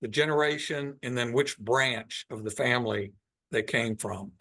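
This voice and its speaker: A man giving an informal slide presentation to a live audience in a meeting room. He thinks aloud and pauses often as he goes. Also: medium pitch, gravelly, pushed and bright.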